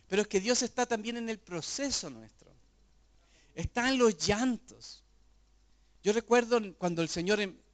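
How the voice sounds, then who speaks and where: A middle-aged man preaching a sermon in an earnest, conversational way, full of rhetorical questions. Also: high voice. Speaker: pastor.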